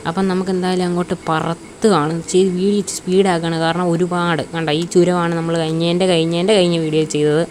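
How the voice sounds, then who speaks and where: A woman's voice: on the low side, little pitch movement, fast, hardly any pauses, a little mellow, slight background noise. A woman with a Malayali accent giving casual gameplay commentary, mixing Malayalam with English words and chummily addressing viewers as buddies. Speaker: gaming channel host.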